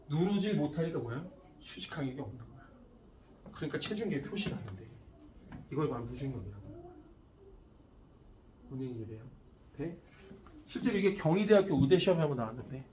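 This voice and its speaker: A man's voice: a little high, darkish tone, slight background noise. A man teaching a physics class, blunt and coarse, scolding and constantly checking that his students follow. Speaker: physics teacher at a cram school. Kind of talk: classroom lecture. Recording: echoey classroom from far off.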